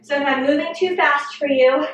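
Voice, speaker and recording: A woman's voice: high voice, steady tone, normal speed, dull audio, slight background noise. Breathless woman coaching a workout. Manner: coaching, encouraging, breathy exclamations between cues. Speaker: fitness instructor. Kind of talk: workout video instruction. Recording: roomy echo, distant mic.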